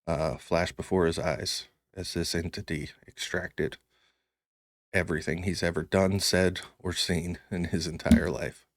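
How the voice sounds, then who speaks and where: A man narrating a tabletop fantasy game as game master, telling it dramatically in deliberate short phrases. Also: sits low, little pitch movement, no room sound, studio quality.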